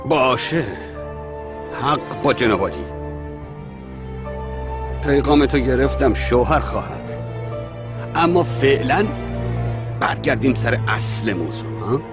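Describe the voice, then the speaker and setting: A man's voice: mid-range voice, expressive, long pauses, over music, natural voice. A man dubbing a sarcastic brother-in-law. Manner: sarcastic, defensive.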